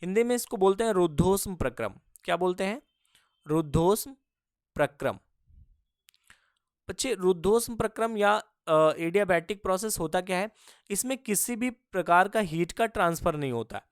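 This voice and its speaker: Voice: medium pitch, animated, moderate pace, clean tone, no room sound, clean studio sound. A physics teacher giving a lesson, who keeps asking questions and answering them, repeating each key term and calling the students kids. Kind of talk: classroom-style lecture.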